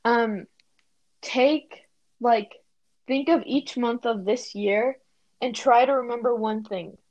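A teenage girl reflects on a podcast, halting often and filling pauses as she thinks. Her voice sits a little high. The recording is dry and a bit muffled. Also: a little mellow, no echo. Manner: thoughtful, halting, many fillers. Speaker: podcast co-host. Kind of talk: casual reflective chat.

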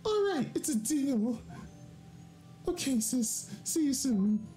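A man voicing a perky, teasing young woman, a little sister, in a high falsetto while reading a game aloud. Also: very animated, slow pace, dark tone, roomy sound, soft background music, heavily acted. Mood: playful. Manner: high falsetto girl voice, playful. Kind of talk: let's play voice reading.

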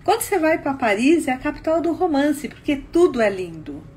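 A Brazilian woman with a Brazilian Portuguese accent, teaching about communication in an animated style full of stories and rhetorical questions. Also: high voice, a little fast. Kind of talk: expressive talk.

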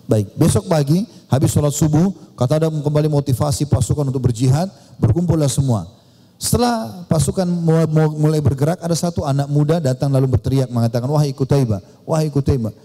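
Mellow preacher in an echoing hall. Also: male voice, on the high side, fairly quick. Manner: conversational, acts out dialogue. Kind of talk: storytelling sermon. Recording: long hall reverb.

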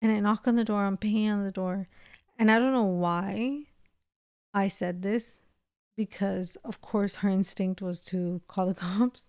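A woman's voice: mid-range voice, unhurried, a little mellow, clear, resonant tone, dry recording, clean studio sound. A young woman co-hosting a podcast, casually recounting a strange dream with lots of "like" and quoted dialogue. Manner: chatty, lots of "like" and acted-out quotes. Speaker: podcast co-host. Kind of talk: casual storytelling.

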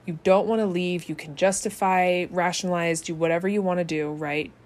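A woman hosts a casual self-help talk in a slightly low, relaxed voice. She is chatty and laughs easily, tossing in "right?" as she goes. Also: brisk. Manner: chatty, often asks "right?".

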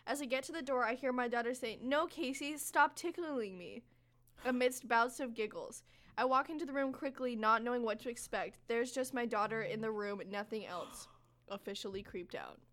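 A woman with a slightly high voice chats casually and reads creepy anecdotes aloud. She builds tension with dramatic pauses and reacts in an animated way. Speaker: co-host reading creepy stories. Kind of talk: casual chat.

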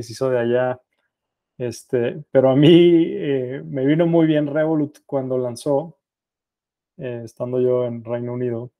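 A middle-aged man with a Mexican accent, a guest in a podcast interview, telling his story in a relaxed, self-deprecating way. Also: medium pitch, dry recording.

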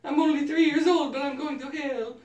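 A man's voice: very high voice, steady tone, brisk, darkish tone. A man putting on a whiny little toddler boy pleading to be forgiven, in a jokey, mock-pleading way. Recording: roomy, mic at a distance.

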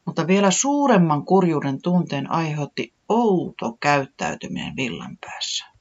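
Casting: animated children's-story narrator, dull home recording. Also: mid-range voice, creaky, husky. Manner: expressive, lively storytelling.

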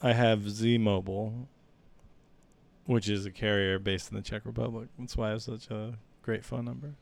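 A man co-hosting a podcast in casual chat, rambling with jokey deadpan asides. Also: fairly low pitch, moderate pace, vocal fry. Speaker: podcast co-host.

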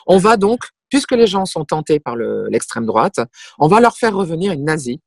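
A woman's voice: low voice, normal speed, vocal fry, breathy edge, no echo, studio quality. A middle-aged woman, a singer and comic performer, telling stories as an interview guest with emphatic repetitions. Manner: lively anecdotal storyteller with emphatic repetitions. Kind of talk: casual interview storytelling.

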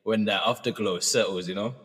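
A man's voice: on the low side, fairly even intonation, a little fast, fairly bright tone, slightly rough, big-room sound. A man co-hosting a casual album review chat, laid-back, humming and singing bits of songs. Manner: laid-back, hums and sings song lines. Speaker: podcast co-host.

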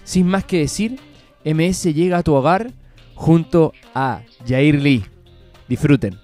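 A man's voice: on the high side, slow pace, mellow, soft background music. A man hosting a podcast, asking questions in a friendly, enthusiastic, chatty way, recorded in a hotel room. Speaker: podcast host. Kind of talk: casual podcast interview. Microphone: portable recording kit.

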